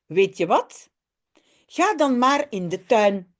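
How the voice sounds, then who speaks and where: A woman voicing a patient mother in a children's storybook, explaining things gently. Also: a little high, very animated, takes it slowly.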